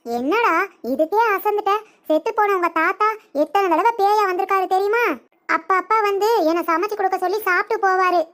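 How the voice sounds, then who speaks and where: A very high, shrill cartoon grandmother, voiced by a woman. She boasts and scolds in a loud, bossy manner. When frightened, she shrieks. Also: fairly quick. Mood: boastful. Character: bossy boastful old grandmother, sharp-tongued. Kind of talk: cartoon voice acting.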